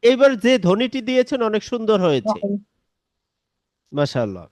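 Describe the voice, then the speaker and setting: A man teaching Quran recitation in a live online lesson, patiently explaining step by step and drawing out examples slowly. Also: sits high, wildly swooping pitch, darkish tone, dry recording. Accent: Bangladeshi Bengali.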